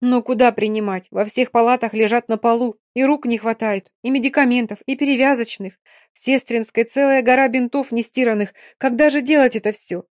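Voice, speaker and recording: A woman's voice: fairly low pitch, moderate pace, darkish tone, no echo, clean studio sound, natural voice. A woman voicing an anxious young nurse who speaks breathlessly and pleads. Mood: panicked.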